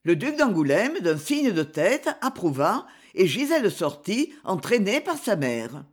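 Brief: female audiobook narrator, dramatic, animated pitch. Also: unhurried, slightly rough. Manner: dramatic and expressive. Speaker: audiobook reader. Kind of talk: scripted narration of a novel.

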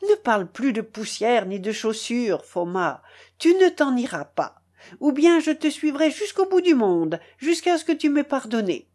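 Storybook role: eager-to-please male colonel begging forgiveness, read by a woman, animated delivery. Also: on the high side, measured pace. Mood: alarmed. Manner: pleading, effusive apologies.

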